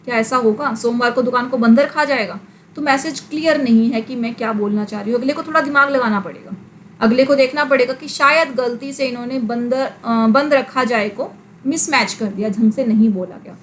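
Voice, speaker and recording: A woman teacher, lecturing slowly and explaining with everyday examples, mixing English terms into Hindi. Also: on the high side, a little hiss or hum, low-quality recording. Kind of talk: classroom lecture.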